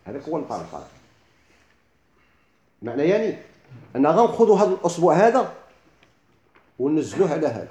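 A man teaches in a Moroccan accent, firing questions at his listeners and answering them himself. He talks fast, with a voice a little higher than most men's. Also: big pitch swings, mellow. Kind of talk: lesson on classical Arabic rhetoric.

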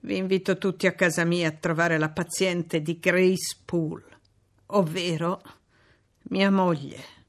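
A woman's voice: fairly low pitch, fairly even intonation, slow pace. A woman reading aloud and voicing a grim, bitter man, the master of the house. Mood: commanding.

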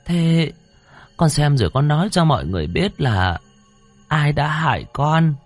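A man's voice: on the high side, very animated, unhurried, dry recording, soft background music, voice pushed up. A man doing a honeyed, coaxing village matron. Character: sweet-talking wealthy village matron, coaxing.

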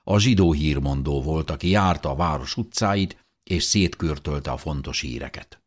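A man narrating a first-person audiobook in an earnest, measured way. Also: extremely low pitch.

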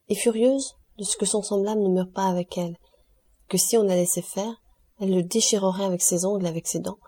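A cold, sardonic aristocrat who declaims with cool irony, as a woman reader voices him. The tone is dark and mellow, with a husky edge. A storybook reading of a worldly nobleman. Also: fairly low pitch. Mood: scornful.

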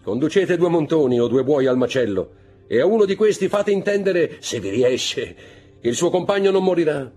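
Audiobook figure: bitter, cold nobleman, sardonic and declamatory, husky edge; male narrator lifts his voice. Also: a little high, lively intonation, normal speed, warm tone, faint music behind, voice pushed up. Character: cold, bitter aristocratic count, middle-aged man.

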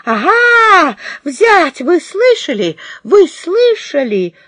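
Lady putting on a screechy fussy dog lady, high and jumpy, dry sound. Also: animated, moderate pace, no echo. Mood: shrill. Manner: shrieking, fussing. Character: shrill skinny middle-aged woman, fussy dog owner.

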